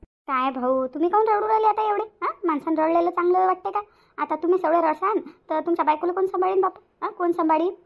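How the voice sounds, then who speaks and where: A woman's voice: extremely high pitch, fast, gravelly, lo-fi sound. A woman voicing a chatty, bossy older village woman in a cartoon, talking in rustic dialect and often asking "hã?". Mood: coaxing.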